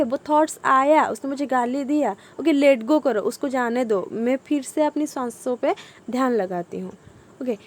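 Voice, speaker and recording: A young adult woman giving a casual meditation lesson, patient and repetitive, with frequent fillers. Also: high voice. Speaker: meditation instructor. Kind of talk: casual spoken meditation tutorial.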